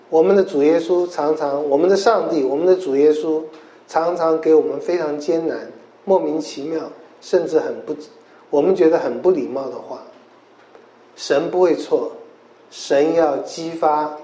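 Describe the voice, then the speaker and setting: A man delivers a sermon in a slightly high, warm, mellow voice. He acts out the quoted characters in the stories, jumping sharply up and down in pitch. The room around him is echoey. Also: moderate pace. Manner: acts out biblical quotes with sudden pitch jumps. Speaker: preacher.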